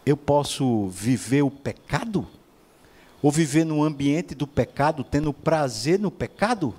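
A man's voice: on the high side, lively intonation, unhurried, dark tone. A man preaching a sermon, asking rhetorical questions and acting out other people's voices.

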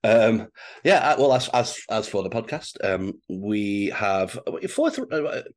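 A man with a fairly low voice, wheezy and bunged up with flu. He co-hosts a casual football podcast and talks haltingly, often stammering and starting sentences again. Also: lively intonation. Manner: hesitant, stammering, trailing restarts. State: recovering from flu, congested. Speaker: podcast co-host.

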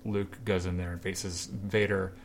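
A man's voice: deep voice, measured pace, slight background noise. A man co-hosting a casual chat show, animatedly retelling a comic and acting out the characters' lines. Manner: animated storyteller, acts out quoted lines. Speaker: podcast co-host.

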